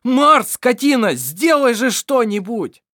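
A reader voicing a young man who is nearly sobbing and pleads loudly in a high, strained voice, in an audiobook. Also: sing-song, slow pace, no room sound, clean studio sound, exaggerated voice. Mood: desperate.

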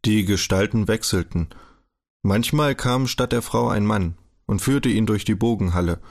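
A man reading a novel aloud as an audiobook narrator, telling the story in a measured, even way. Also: lowish voice.

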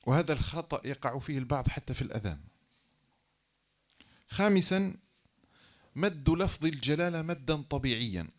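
Male lecturer, slightly high voice, explains rules step by step, acts out examples. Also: animated, moderate pace, pauses often. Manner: explains rules point by point, repeating key phrases; acts out example phrases, then drops low to rule them invalid. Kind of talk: classroom lecture.

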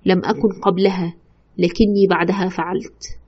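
A woman's voice: on the low side, flat delivery, moderate pace, a little mellow, breathy edge, highs cut off, voice pushed down. A woman voicing the vengeful ghost of a dead husband, speaking in an accusing, contemptuous way. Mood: cryptic.

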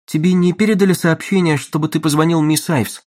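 A man's voice: fairly high pitch, fairly even intonation, a little fast, darkish tone, pitched above the performer's own voice, lightly acted. A man voicing an anxious, strong-willed woman executive in an audiobook, urgent and raised.

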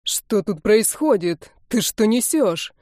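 A woman's voice: mid-range voice, takes it slowly, warm tone, dry recording, studio quality, lightly acted. A woman voicing an angry older grandfather who commands sternly through clenched teeth. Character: furious protective grandfather, older man.

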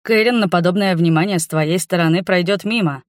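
A reader voicing a calm, wry young male water mage who gives steady, teasing advice to a friend. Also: mid-range voice, brisk, no room sound, studio quality, natural voice. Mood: advising. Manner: even, teasing, advising.

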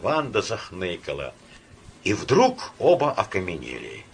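A man narrating a novel as an expressive audiobook reader. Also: deep voice, unhurried, a little hiss or hum. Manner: dramatic, varied reading.

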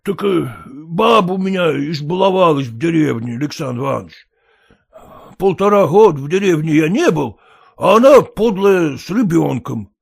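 A man doing a gravelly pleading peasant. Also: a little high, lively intonation, darkish tone, full character voice. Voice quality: rough, rustic speech. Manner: wheedling, halting with fillers.

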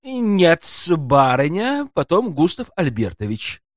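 A man voicing a sly, greedy hotel porter who talks in a folksy, servile, hushed way in an audiobook. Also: a little high, wildly swooping pitch, slow pace, no room sound, studio quality, pitched above the performer's own voice, heavily acted. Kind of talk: audiobook character voice.

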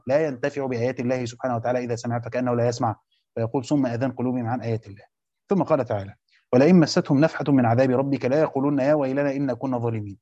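A man's voice: medium pitch, darkish tone, no echo, highs cut off. A man with an Egyptian accent teaching a lesson on a religious text, asking questions and then answering them himself. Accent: Egyptian Arabic. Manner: checks with listeners whether points are understood. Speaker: teacher of Quran commentary. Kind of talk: classroom lesson explaining a text.

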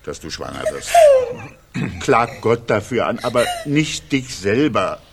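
An actor playing an exasperated, sardonic husband in a radio play, with dry sarcasm that turns to pleading. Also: male voice, fairly low pitch, big pitch swings, measured pace, vocal fry, very noisy, full character voice. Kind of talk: 1990 radio play acting.

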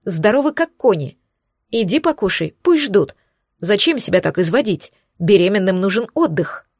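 Motherly demoness, a woman reading her, sly, teasing, calm, dry close sound. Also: medium pitch, normal speed, no echo. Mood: reassuring.

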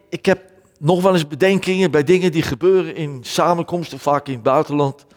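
Halting man preaching in an echoing hall. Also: a little high. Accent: Dutch. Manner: halting, repeats words often; reads scripture aloud with rising emphasis. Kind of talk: sermon. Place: church hall. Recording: long hall reverb.

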